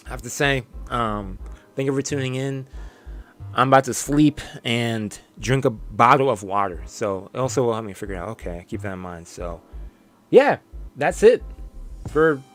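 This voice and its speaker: A tired young man in his bedroom rambles through a casual end-of-stream chat, chuckling frequently as he loses his voice. His expressive mid-range voice moves at normal speed with long pauses, over soft background music.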